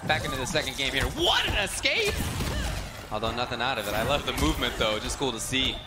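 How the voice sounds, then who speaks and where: A man giving animated live colour commentary on a fighting game, stretching out his exclamations. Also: mid-range voice, rapid-fire. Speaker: esports commentator. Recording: loud music behind the commentary.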